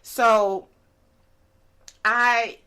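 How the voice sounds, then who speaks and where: A woman guest author telling her story in a casual interview, earnest and animated, with many fillers like "like" and "you know". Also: a little high, drawn-out words, clear, resonant tone. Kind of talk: conversational interview testimony.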